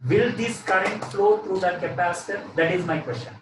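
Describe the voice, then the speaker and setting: A man's voice: high voice, a little fast. A man with a South Indian accent teaching a live physics lesson, repeating phrases and questioning a student as he works through problems. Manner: repeats phrases, often tags with "okay". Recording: roomy echo, distant mic, noisy background.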